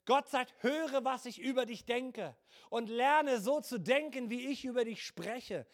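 Older male pastor with a very high voice, emphatic sermon delivery. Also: unhurried. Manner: emphatic preaching, rhetorical questions, varied pitch and volume.

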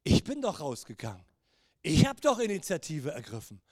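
A man's voice: fairly high pitch, huge pitch swings, normal speed, dry recording, clean studio sound, voice pushed down. A man voicing a soaked, sulking apostle who mutters and complains that he has been wronged. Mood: aggrieved.

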